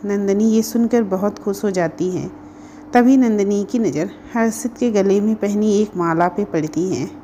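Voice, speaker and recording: A woman storyteller reading a scripted moral story in a steady, even manner. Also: medium pitch, measured pace, slight background noise.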